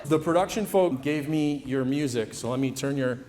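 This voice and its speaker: A man working as a stage hypnotist and host, bantering off the cuff with volunteers in a halting way, often repeating phrases. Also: medium pitch. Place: indoor college stage show with audience. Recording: echoey hall PA with noisy background.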